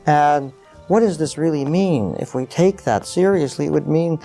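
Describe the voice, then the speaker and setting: Middle-aged male guest, mellow, slightly high voice, reflective and filler-heavy, soft music behind. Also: moderate pace, vocal fry. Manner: thoughtful, many uh fillers, animated explaining. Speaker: interview guest, psychologist. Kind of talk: reflective interview conversation.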